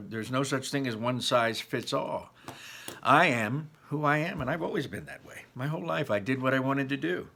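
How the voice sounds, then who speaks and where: A man with a mid-range voice reads a novel aloud like a teacher. He's expressive, emphatic, and informal, and adds personal asides.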